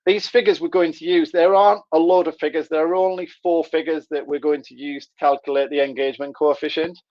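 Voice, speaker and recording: A man's voice: on the high side, steady tone, a little fast. A man with a Middlesbrough, Teesside accent explaining things conversationally as he presents an online workshop. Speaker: webinar presenter. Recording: dull, lo-fi online call audio.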